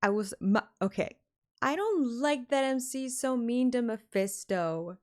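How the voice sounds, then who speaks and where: This game streamer has a slightly high, expressive voice and a somewhat slow pace. She reads the story out like narration and talks about it casually, with the game's soundtrack music playing beneath her.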